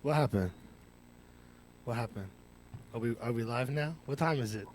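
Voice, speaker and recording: A man hosting a live podcast from an office, joking loudly and cursing often. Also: medium pitch, moderate pace, a little hiss or hum. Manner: loud, joking, profane. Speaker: podcast host. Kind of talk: casual live podcast chat. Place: office studio. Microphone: headphones and studio mic.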